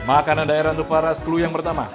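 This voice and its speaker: With music in the background, a male quiz show host presents in a lively way, reading clues and scores and drawing out key words emphatically. He speaks fast, with a fairly high pitch and a flat delivery.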